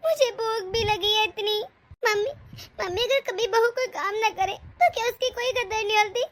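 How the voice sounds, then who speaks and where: A woman's voice: very high voice, fairly even intonation, moderate pace, crowd noise. A woman voicing a young pregnant daughter-in-law who pleads tearfully in a cartoon story. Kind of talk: cartoon voice acting.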